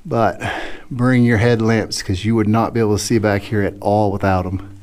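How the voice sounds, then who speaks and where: A man's voice: on the low side, fairly even intonation, normal speed, darkish tone. A middle-aged man talking casually like a cave tour guide, pointing things out and giving viewers practical tips. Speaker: vlogger guiding viewers through caves. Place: inside a large rock cave. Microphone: action camera held close.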